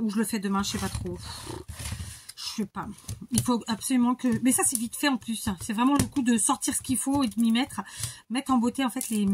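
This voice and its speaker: A woman's voice: medium pitch, slight background noise. A woman in her forties chatting casually to her viewers while she works on a craft project, rambling with many fillers and restarts. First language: speaks Portuguese too. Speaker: crafter vlogger.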